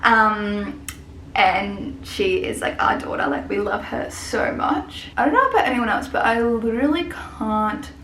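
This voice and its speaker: A woman's voice: on the high side, animated, measured pace, a bit bright. A woman in her twenties, a hairdresser and salon owner, chatting casually and rambling in a vlog. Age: 20s. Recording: echoey room with faint hiss.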